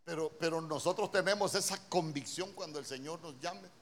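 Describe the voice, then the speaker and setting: A man with a Honduran accent preaching a sermon in a church, swinging between hushed words and sudden shouted lines, full of rhetorical questions. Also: on the high side, a little fast. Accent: Honduran Spanish.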